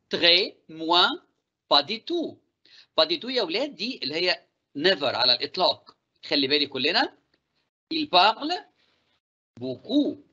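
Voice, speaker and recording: A man French teacher with an Egyptian accent, slowly and deliberately drilling phrases in an exam review. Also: high voice, sharp tone, husky, muffled recording.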